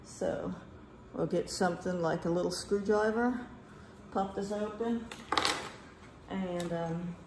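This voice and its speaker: A woman in her thirties casually showing a small repair at home while she works, pausing as she goes. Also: on the low side, reverberant, noisy background. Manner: relaxed, talks while working with her hands, trailing pauses. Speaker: DIY vlogger. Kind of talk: casual how-to demonstration. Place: home kitchen, indoors. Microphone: camera mic across a counter.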